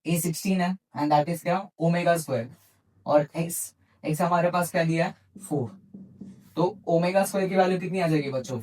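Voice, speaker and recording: A man's voice: fairly high pitch, darkish tone, poor audio. Male teacher quizzing his class. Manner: poses questions to students and answers them himself; mixes Hindi with English terms. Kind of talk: exam-prep physics lecture.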